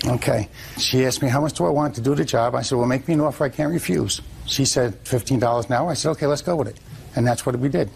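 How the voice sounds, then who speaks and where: Gravelly man in his fifties, court litigant. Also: mid-range voice, fast talker. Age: 50s. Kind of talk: answering questions in court.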